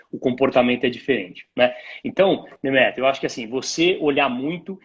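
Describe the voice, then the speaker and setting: Speaking as a guest expert on retail pricing, a man with a husky, mid-range voice and a Brazilian accent walks a live stream host through ideas conversationally. He teaches with rhetorical questions and made-up dialogues, heard over lo-fi, dull call audio.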